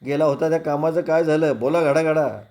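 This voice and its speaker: A loud, quick-tempered village police inspector , put on by a male reader, barking orders and cursing at his men. The voice stays low and mellow beneath the shouting, in the manner of a storybook reading. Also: fairly even intonation, natural voice. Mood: angry, bossy. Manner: barks orders and curses loudly.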